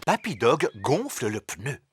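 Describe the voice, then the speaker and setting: A man's voice: mid-range voice, sing-song, measured pace, noisy background. A man narrating a children's cartoon in a simple, explanatory storybook manner. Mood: calm. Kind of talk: scripted narration. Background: music.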